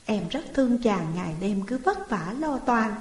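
A woman's voice: on the high side, big pitch swings, normal speed, darkish tone. Woman reading as a cruel scheming sister-in-law. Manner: harsh, scolding. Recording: roomy hall reverb.

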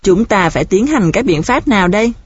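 A woman reading the lines of a grave male police officer, serious and deliberate, in a storybook reading. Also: medium pitch, expressive, breathy edge. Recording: dull, dry recording.

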